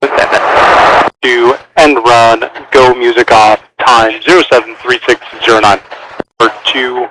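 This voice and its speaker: This is a man on air-band radio as a military mission controller, his transmission crackling with static and clicks. His short instructions come clipped and procedural at an average pitch and a measured pace. The intonation is fairly even, and the tone bright and forceful.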